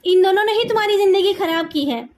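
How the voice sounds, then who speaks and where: A woman's voice: very high-pitched, expressive, moderate pace. A woman voicing an angry, controlling middle-aged mother who scolds her daughter, in a fan story read aloud. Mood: angry scolding. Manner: scolding, raised voice.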